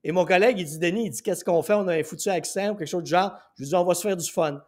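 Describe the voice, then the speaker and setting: A man's voice: high-pitched, very fast, darkish tone. A man with a Québécois accent hosting a podcast, chatty and enthusiastic, telling anecdotes with frequent fillers. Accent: Québécois French. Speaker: podcast host. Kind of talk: casual podcast interview.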